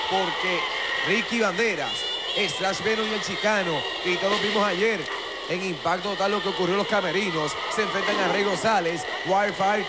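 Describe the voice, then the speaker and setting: A man with a Puerto Rican accent giving excitable live wrestling commentary, breaking into exclamations. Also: high-pitched. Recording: very noisy arena broadcast. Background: loud arena ambience.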